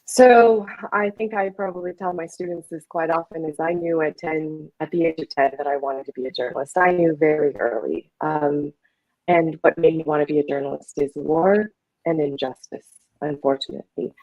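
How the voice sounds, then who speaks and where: Low-voiced woman on dull, dry audio. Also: no echo. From Afghanistan. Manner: reflective, with many fillers and pauses. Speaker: journalist and teacher, panelist. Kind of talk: panel discussion.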